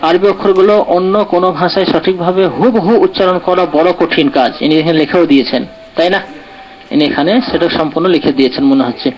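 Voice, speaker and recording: A man teaching Arabic letter pronunciation in a classroom lesson, sounding out each letter slowly and often checking in with "right?". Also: high-pitched, steady tone, poor audio. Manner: explains patiently, checks understanding with repeated "right?". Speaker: Quran recitation teacher.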